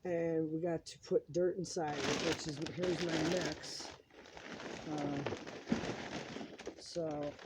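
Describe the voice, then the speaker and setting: A home gardening vlogger giving a casual hands-on demonstration, chatty and rambling as they work, filmed partly outdoors on a handheld phone. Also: mid-range voice. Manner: chatty and rambling, talks while working. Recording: noisy home video with handling clicks.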